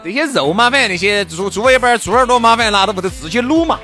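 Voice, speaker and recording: A high-voiced man with a Sichuanese accent hosts casual radio banter. He teases and exclaims with big swings in pitch, in a bright, forceful tone over light music. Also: animated, rapid-fire. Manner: teasing, jokey, exclamatory. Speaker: radio talk show co-host. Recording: music bed behind the voice.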